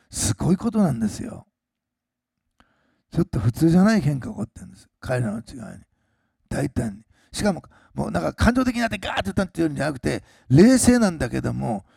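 A pastor preaching a sermon, swinging between loud, slowed emphasis and quiet, low asides to the congregation. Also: male voice, creaky, slightly rough, dry recording, studio quality.

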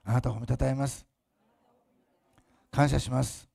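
A male pastor, preaching a fervent sermon that swells loud for emphasis and drops to soft asides for the congregation. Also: mid-range voice, fairly even intonation, normal speed, gravelly, husky.

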